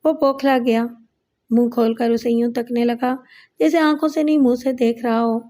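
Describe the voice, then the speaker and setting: A woman narrating a crime thriller story in a steady, measured reading. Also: on the high side.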